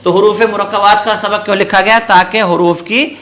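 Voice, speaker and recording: A man's voice: high-pitched, steady tone, a bit bright. A man teaching Quran reading. He asks his class questions, answers them himself, and draws out the letter sounds in a sung way.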